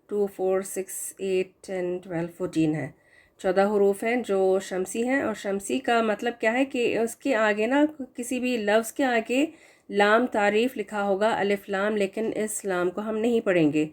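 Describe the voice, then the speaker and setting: A woman teaching a recitation lesson online. She explains each rule with fillers and English words mixed in, and she draws out the example words slowly. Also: mid-range voice. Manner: slow drawn-out recitation of examples; hesitant fillers while explaining.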